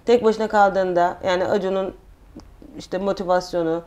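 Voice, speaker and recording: A woman's voice: medium pitch, steady tone, normal speed, darkish tone. A woman hosting a conversational interview, asking playful questions and adding short affirmations while her guest talks. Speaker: host.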